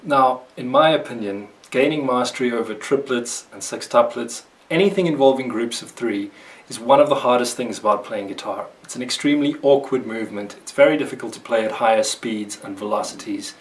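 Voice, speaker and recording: A man's voice: medium pitch, a little fast, distant mic. A man teaching a guitar lesson, explaining patiently and methodically and counting out strokes as he demonstrates. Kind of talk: instructional video lesson. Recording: roomy sound, voice a bit off-mic. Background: guitar playing.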